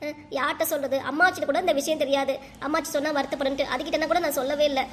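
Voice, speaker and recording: A woman voicing a worried middle-aged mother in a Tamil cartoon, speaking in a low, sorrowful way. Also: fairly even intonation, racing, a bit bright, a little hiss or hum. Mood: weary.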